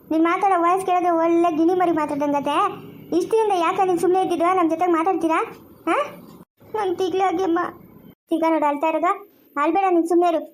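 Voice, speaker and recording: Woman doing a kind village mom, rural chikkaballapur kannada accent, coaxing and repeating herself, really high voice. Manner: coaxing, soothing, repeats questions loudly. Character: kindly village mother consoling a girl. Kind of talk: homemade village family skit.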